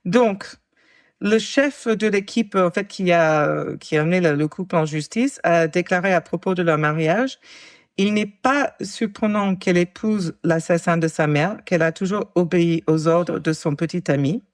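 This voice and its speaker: A woman in her forties with a lowish voice co-hosts a true-crime podcast, recounting a case to her co-host at a moderate pace. It's casual storytelling chat, full of fillers, restarts and wry asides. The sound is clean studio quality with no room sound.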